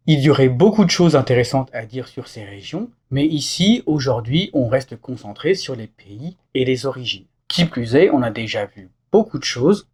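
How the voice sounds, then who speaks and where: A man delivers a scripted French lesson, carefully explaining words and reading example sentences. His voice is a little husky. His pitch rises and falls with lively movement. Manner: clear, didactic explanation with example phrases. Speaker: French teacher.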